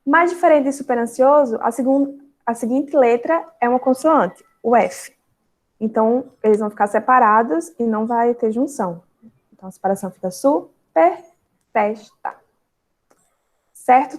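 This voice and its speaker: Young Brazilian woman teaching grammar. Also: on the high side. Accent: Brazilian Portuguese. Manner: explanatory, spells out syllables slowly with frequent fillers. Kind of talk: online grammar lesson.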